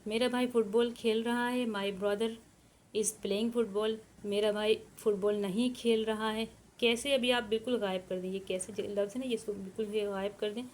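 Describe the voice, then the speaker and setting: Patient woman teaching English grammar slowly. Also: mid-range voice, steady tone, a little mellow. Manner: patient, repetitive, dictates English sentences slowly word by word. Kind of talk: grammar lesson explaining in Hindi-Urdu. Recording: faint background noise.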